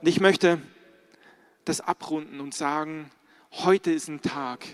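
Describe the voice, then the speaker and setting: A man's voice: on the high side, slow pace, clear, resonant tone, soft background music. A middle-aged man preaching a sermon as pastor, earnestly putting direct questions to the congregation.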